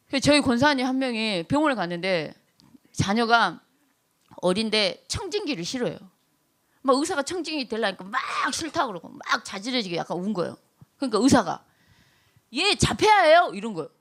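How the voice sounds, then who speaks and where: A middle-aged woman, a pastor's wife, giving a lively testimony talk, acting out the people in her stories and laughing often. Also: on the high side. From South Korea. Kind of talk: testimony talk at a training event.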